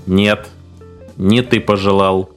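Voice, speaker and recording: A man voicing a defiant wish machine that speaks in a creaky, mechanical voice, slow and measured, as in audiobook narration. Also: low voice, steady tone, faint music behind.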